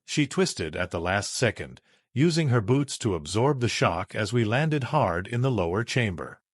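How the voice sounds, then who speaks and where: A man reading a first-person sci-fi story aloud in a measured, dramatic way. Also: lowish voice, very animated, husky, no echo, studio quality. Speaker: narrator.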